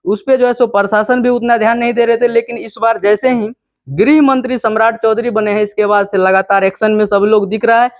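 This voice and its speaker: A man with a Bihari accent presents an informal video explainer on land law, teaching step by step, repeating himself, and asking questions he then answers. His voice sits high and sounds flat, a little fast, in clean studio sound with no echo.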